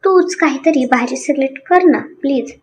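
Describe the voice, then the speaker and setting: A woman's voice: high-pitched, normal speed, darkish tone, close to an everyday voice. A woman voicing an easygoing, cheerful young man with a breezy, friendly manner.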